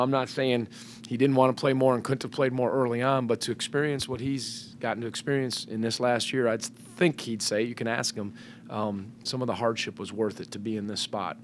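A man's voice: on the low side, slight background noise. Thoughtful male coach at a press table. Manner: thoughtful, halting, many fillers and restarts. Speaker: head basketball coach. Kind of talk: post-game press conference. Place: press room in front of a sponsor backdrop. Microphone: table microphone.

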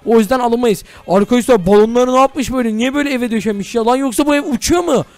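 Excitable young man, high and fast. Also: no echo. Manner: excitable, addressing viewers, exclaiming. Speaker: gaming YouTuber. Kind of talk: Minecraft role-play commentary.

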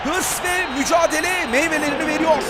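Male football commentator, excited and shouting live play-by-play, very high-pitched, over loud background noise. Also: fairly quick, over a noisy crowd. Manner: excited, shouting at key moments. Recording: very noisy, loud stadium-like ambience.

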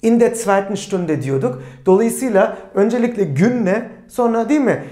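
An online language teacher with a lively, rising-and-falling delivery. They keep asking the viewers questions and answering them, and they slow down for clear model sentences. The voice rings with the echo of a bare room. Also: mid-range voice. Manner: asks the viewers rhetorical questions and answers them, calling them friends; says German example sentences slowly and clearly.

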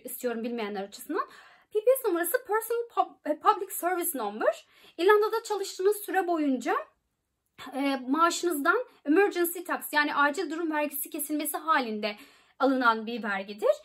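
A young woman from Turkey talks through viewer questions one by one in a relaxed vlog. Her voice sits high and light. She chats freely and stops to fix her own words as she goes. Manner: chatty, corrects herself mid-sentence. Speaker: vlogger. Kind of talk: casual Q&A vlog.

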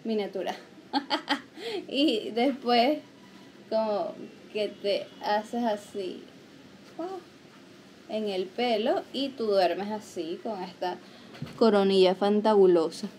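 Slow and pausing often, the Venezuelan vlogger in her late twenties speaks in a mid-range, slightly mellow voice, with a little hiss or hum on the audio. She chats playfully and teasingly in Venezuelan Spanish to a handheld camera at arm's length, first in shop aisles and then in a small living room.

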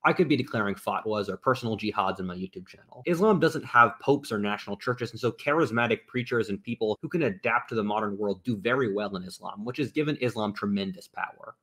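A man narrating a scripted video essay in a measured, opinionated way, played inside another video. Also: on the low side, fairly bright tone, slightly rough.

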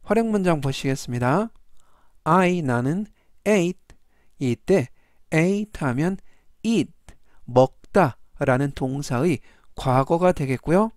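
Male vocabulary teacher, slow careful delivery, drawn-out example sentences, dry recording. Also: a little high, animated, a little mellow, no room sound. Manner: slow, drawn-out English examples with polite formal explanations. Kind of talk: word-by-word vocabulary lesson.

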